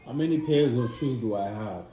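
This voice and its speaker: A man from Congo chatting casually over a meal, quick to tease and disbelieve. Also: medium pitch. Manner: animated, incredulous teasing. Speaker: mukbang co-host. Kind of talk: casual chat while eating. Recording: roomy echo with music behind.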